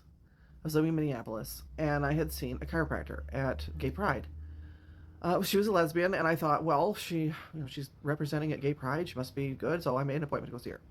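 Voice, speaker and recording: Blunt, candid woman in her fifties. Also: low-pitched. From Midwestern United States. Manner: candid, emotional, blunt with swearing. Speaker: vlogger. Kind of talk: casual storytime monologue.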